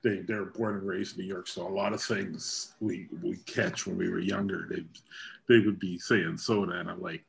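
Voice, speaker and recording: A man's voice: sits low, fairly even intonation, normal speed, gravelly. A man from Ontario with a Canadian accent, chatting and telling stories in a laid-back way. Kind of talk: casual chat.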